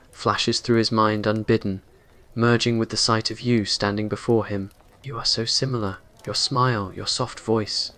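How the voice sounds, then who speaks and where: In an earnest, brooding way, a man reads scripted dramatic narration for a romantic ASMR roleplay. His voice is lowish with a fairly bright tone.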